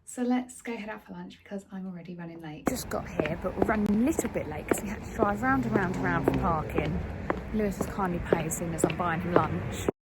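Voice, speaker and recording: A woman's voice: lowish voice, a little fast, heavy background noise. A woman in her twenties chatting casually to camera for her vlog, rambling and correcting herself as she goes. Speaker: vlogger. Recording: dull lo-fi phone audio.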